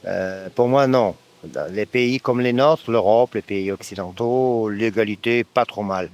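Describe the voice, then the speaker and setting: A man with a fairly low voice gives his opinion in an interview. His answer is unscripted and conversational. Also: a little slow, a little mellow.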